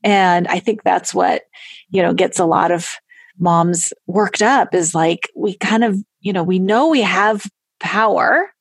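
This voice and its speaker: Gravelly, husky-voiced woman chatting. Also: fairly low pitch, a little slow, no room sound. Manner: animated, chatty, laughs often. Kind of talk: casual conversation.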